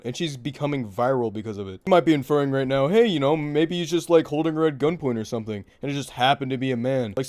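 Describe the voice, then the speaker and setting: A sarcastic young man delivers crude reaction commentary, sometimes mimicking people mockingly. His voice is mid-pitched, smooth and resonant. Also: a little mellow. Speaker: commentary YouTuber.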